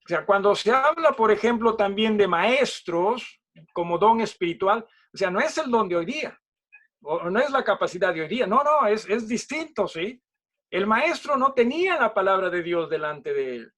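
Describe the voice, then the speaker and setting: A man's voice: sits high, sing-song, moderate pace, a bit bright. A man with a Peruvian accent, a pastor leading a conversational Bible study who keeps checking in with "¿no?" and "¿sí?" and throws in small jokes. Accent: Peruvian Spanish. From Peru. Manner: chatty, asks "¿no?" and "¿sí?" after nearly every phrase, jokes.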